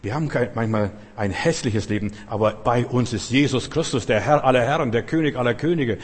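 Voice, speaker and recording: A man's voice: mid-range voice, brisk, slightly rough. A man preaching a sermon in an emphatic, repetitive way, with rising bursts on key phrases. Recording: long hall reverb.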